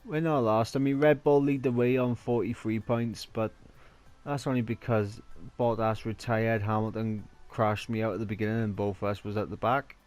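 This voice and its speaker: A man's voice: fairly low pitch, level tone, normal speed, darkish tone, soft background music. A young Welsh man hosting a racing game video, chatting casually with a self-mocking, slangy manner. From Wales. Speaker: gaming channel host.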